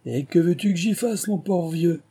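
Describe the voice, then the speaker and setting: A man's voice: a little high, moderate pace, dark tone, breathy edge, voice pushed up. A man voicing a commanding, pompous plantation manager, as in an audiobook.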